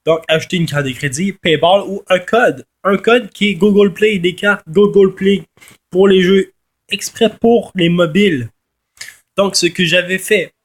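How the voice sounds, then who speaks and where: A high-pitched man with a Québécois accent talks through a casual game tutorial at a slow pace. His nose is stuffed with a cold, so he sounds nasal. He speaks haltingly, often doubling back to correct his words. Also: gravelly. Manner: halting, repeats and corrects himself. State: congested with a head cold. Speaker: gaming video host.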